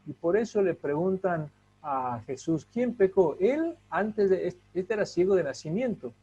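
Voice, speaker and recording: A man teaching a Bible lesson, emphatic, with rhetorical questions and drawn-out stressed words. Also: sits high, big pitch swings, dark tone, dull audio, a little hiss or hum. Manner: asks the class to help read.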